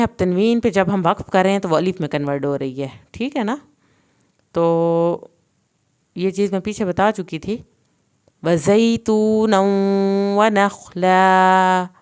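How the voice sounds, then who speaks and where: A woman teaching Quran recitation, reciting verses slowly and then explaining the pronunciation rules quickly. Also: on the low side, a little mellow, clear, resonant tone. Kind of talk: tajweed lesson with slow recitation.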